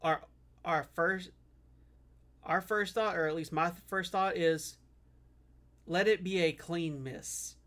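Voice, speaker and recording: A man's voice: fairly high pitch, slow, long pauses, fairly bright tone. A man giving casual reaction commentary as a streamer.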